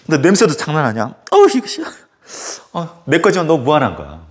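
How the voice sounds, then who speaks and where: Animated male teacher telling a story. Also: on the high side, fast talker. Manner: animated storytelling full of fillers. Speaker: history teacher. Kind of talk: casual anecdote during a lecture.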